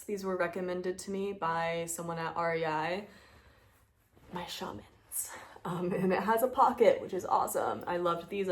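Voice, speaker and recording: Young woman, casual phone vlogger, chatty and playful, big-sister advice tone. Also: mid-range voice. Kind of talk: casual chat to camera. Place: at home indoors.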